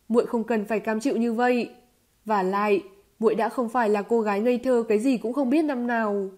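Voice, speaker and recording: A woman's voice: a little high, dark tone, close to an everyday voice. A woman reading the part of an earnest young male martial hero in a storybook novel, in a firm, raised voice.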